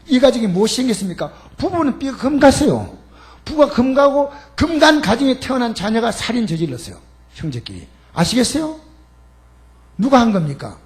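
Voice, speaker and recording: High-pitched, lively older Korean pastor preaching. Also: male voice. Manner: animated preaching with humorous asides; emphatic, calls out to the congregation. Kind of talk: sermon. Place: church sanctuary.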